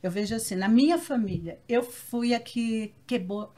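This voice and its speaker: A woman's voice: a little high, moderate pace, dark tone. A woman talking in a casual faith chat, explaining ideas through stories and examples.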